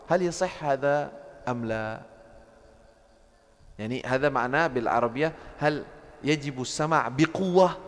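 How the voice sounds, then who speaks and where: A man giving a lively religious study lecture, acting out quotes and mumbling preachers. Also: mid-range voice, big-room sound. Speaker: religious teacher.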